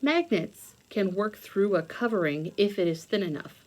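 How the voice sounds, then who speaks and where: A woman with an expressive, mid-range voice and a darkish tone reads aloud and demonstrates for young children at normal speed, thinking aloud as she explains simply, step by step. The homemade video is a rough recording with noticeable background noise.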